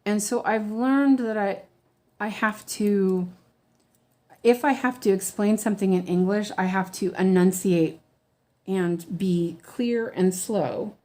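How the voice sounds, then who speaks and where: This woman, a weaving teacher from the United States, talks with a warm tone at a slow pace and a medium pitch. She chats casually as she stitches, with plenty of ums, false starts and easygoing laughter, in a laid-back stitch-along style.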